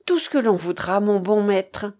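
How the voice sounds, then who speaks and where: A woman's voice: medium pitch, lively intonation, moderate pace, a little mellow, lightly acted. A woman reading aloud and voicing a cunning female servant who coaxes and persuades her master. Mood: coaxing. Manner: coaxing, persuasive.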